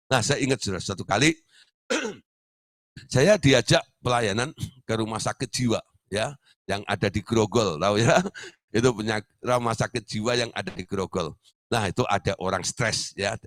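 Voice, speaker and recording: A man's voice: mid-range voice, fairly bright tone, no room sound, clean studio sound. A male pastor preaching in a conversational storytelling way, often laughing as he talks. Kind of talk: sermon.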